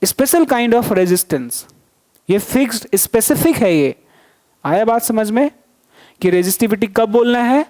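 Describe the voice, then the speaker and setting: Teaching a physics lesson, this man speaks in a very high-pitched, darkish voice that stays animated yet unhurried. He restates every point and throws rhetorical questions at the class, gently checking that everyone keeps up.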